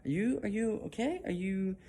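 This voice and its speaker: A man's voice: sits high, moderate pace, dark tone, breathy edge, voice pushed up. A young man voicing a polite male music producer who is hesitant and careful.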